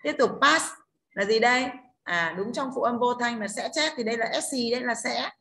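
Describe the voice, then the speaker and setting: A woman English teacher, her voice a little high, gravelly and sharp, speaks at a moderate pace in a Northern Vietnamese accent. Leading an online class, she explains pronunciation rules stepwise and keeps asking students "đúng không?".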